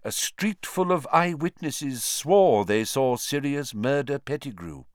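A man voicing a wise elderly male headmaster, calm, quiet and measured. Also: medium pitch, no room sound, clean studio sound, pitched above the performer's own voice, natural voice. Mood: grave.

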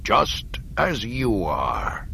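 A man voicing a sinister old emperor who gloats in a slow, drawn-out, menacing way. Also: fairly low pitch, sing-song, creaky, sharp tone, slight background noise, voice pushed up, heavily acted. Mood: gloating.

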